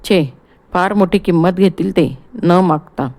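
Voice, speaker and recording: A woman's voice: lowish voice, measured pace, a little mellow. A woman voicing a bitter, distraught young wife in an audiobook play reading, speaking curtly. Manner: curt and bitter.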